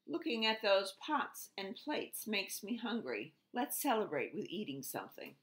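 A woman's voice: medium pitch, sing-song, unhurried, fairly bright tone, voice pushed up. A woman voicing a proud, good-natured baby dragon in a storybook reading. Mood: hungry.

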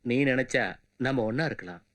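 A man's voice: mid-range voice, a little fast, natural voice. An actor dubbing a scheming man who bosses his family around in a commanding, pushy way, with film music behind. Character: scheming grown man pushing to claim his niece. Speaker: dubbed film character. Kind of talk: dubbed film acting.

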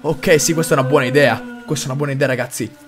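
A young man commenting on a horror game as he plays, excitable, with mild cursing and lots of talk to his viewers. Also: medium pitch, rapid-fire. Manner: excitable, swears mildly, addresses viewers. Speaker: gaming video host.

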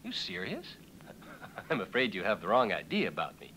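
An actor dubbing a wisecracking American adventurer who talks in a joking, persuasive way. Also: male voice, fairly low pitch, huge pitch swings, moderate pace, pushed and bright, slight background noise, heavily acted, rough recording. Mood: nervous. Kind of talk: dubbed film acting.

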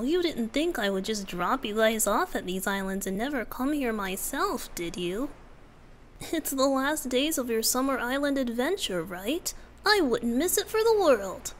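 The speaker is a woman portraying a boyish wind-spirit bard in romantic ASMR roleplay, pitched a little high. Soft and often breathy, she sounds cheerful and teasing.

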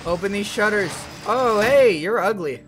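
A man's voice: sits high, lively intonation, moderate pace. Brash man trash-talking through gameplay. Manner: loud, brash, profane trash talk at enemies. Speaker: gamer. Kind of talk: let's play commentary. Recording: commentary over game music.

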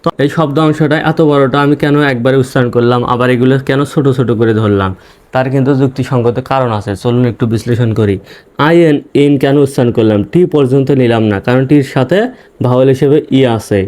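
A man teaching English reading, spelling words letter by letter and sounding out each syllable slowly. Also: mid-range voice, fairly even intonation, darkish tone. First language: Bengali. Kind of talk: spelling-out pronunciation lesson.

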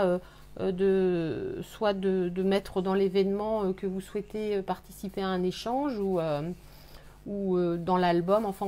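Woman host of a live craft workshop, slightly high voice, halting and filler-heavy delivery. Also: a little mellow. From France. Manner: hesitant, many fillers. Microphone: webcam on a live stream.

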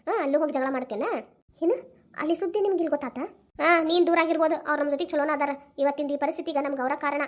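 A woman's voice: high-pitched, steady tone, rapid-fire, close to an everyday voice. A woman voicing a stern, unforgiving old village mother in a cartoon, scolding with a North Karnataka accent. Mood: bitter. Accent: North Karnataka Kannada. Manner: scolding, lecturing. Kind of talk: cartoon voice acting.

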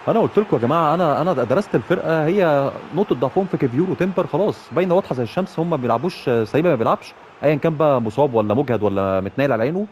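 A man with an Egyptian Arabic accent commentating his own football management game, cheering and shouting at his players. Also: fairly high pitch, expressive, rapid-fire, lo-fi sound, slight background noise. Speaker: gaming YouTuber playing a football manager career mode. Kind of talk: live gameplay commentary.

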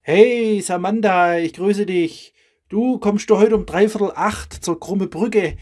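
A woman's voice: medium pitch, slow, a little mellow. Swabian woman in a friendly chat. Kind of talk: acted dialect dialogue.

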